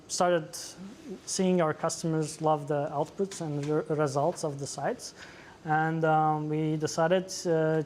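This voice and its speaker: A man from Latvia with a Latvian accent, presenting at a tech meetup, pausing often with many "uh"s. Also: on the high side, darkish tone, a little hiss or hum. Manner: hesitant, many fillers. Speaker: conference speaker. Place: meetup venue.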